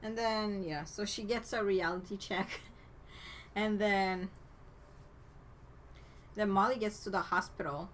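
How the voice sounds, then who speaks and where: A woman with a middle-pitched voice tells a movie's story in an easygoing podcast chat. She links each event with "and then" and sometimes acts out characters' lines. Faint background noise runs under her voice. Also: steady tone, takes it slowly, long pauses. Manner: chatty storytelling, strings clauses with "and then". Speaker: podcast co-host. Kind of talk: casual movie recap chat.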